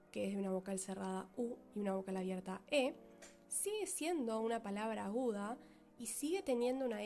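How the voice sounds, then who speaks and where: A woman teacher, explaining a grammar lesson in a clear, methodical way and slowing down to stress key words. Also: fairly high pitch, darkish tone.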